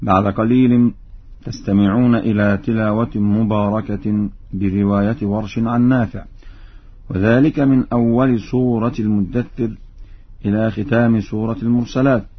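A man's voice: on the low side, steady tone, slightly rough. Man explaining and chanting recitation, lo-fi. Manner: measured spoken explanation alternating with slow melodic chanting. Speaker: Quran recitation teacher.

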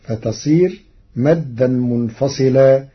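Slow, husky man giving a formal lesson. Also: medium pitch, muffled recording. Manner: measured, deliberate, slows to intone quoted verses. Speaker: presenter explaining Quranic reading variants.

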